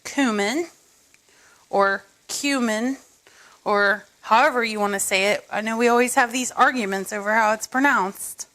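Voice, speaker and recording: A woman's voice: mid-range voice, steady tone, fairly quick, hardly any pauses, bright, forceful tone. A woman hosting a casual cooking tutorial in her home kitchen, chatting viewers through each step. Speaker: cooking show host.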